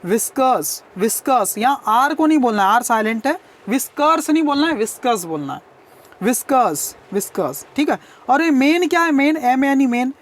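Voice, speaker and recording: A woman's voice: sits high, fairly quick. A woman teacher who explains an English lesson, asking questions, answering them herself and spelling words out letter by letter.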